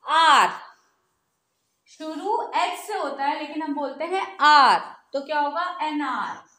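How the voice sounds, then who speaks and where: A woman teaching English grammar in a video lesson, asking questions and answering them herself, repeating words slowly. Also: high voice, pushed and bright, echoey room.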